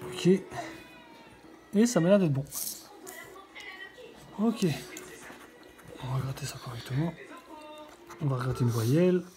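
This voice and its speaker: Low mellow-voiced woman vlogger. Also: lively intonation, takes it slowly, long pauses, soft background music. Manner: chatty, thinks aloud, checks letters one by one. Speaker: scratch-card video host. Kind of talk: casual running commentary while scratching.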